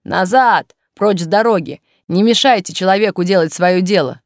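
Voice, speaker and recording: A woman's voice: lowish voice, animated, moderate pace, no room sound, studio quality, close to an everyday voice. A woman doing a barking angry policeman. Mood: shouting. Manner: barking, shouting orders. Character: gruff angry male street policeman.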